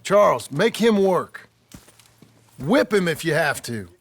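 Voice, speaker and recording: An actor playing a terse, dry-humored frontier outlaw in a video game. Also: male voice, on the high side, big pitch swings, slow pace, husky, heavily acted.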